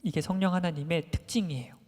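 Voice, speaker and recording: A children's ministry preacher telling a Bible story as a sermon, lively, asking the children questions and talking in an excited storytelling way. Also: medium pitch, quick pace. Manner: animated storyteller, questions to the children, constant filler "막". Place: church worship hall. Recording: long reverb of a large hall.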